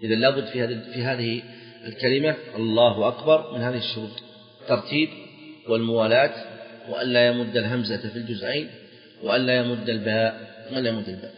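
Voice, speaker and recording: A man's voice: medium pitch, fairly even intonation, quick pace, soft background music. A man teaching Islamic jurisprudence in a lecture, repeating key phrases for emphasis with sing-song stresses. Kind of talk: classroom lecture explaining a text. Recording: echoey hall, dull lo-fi sound.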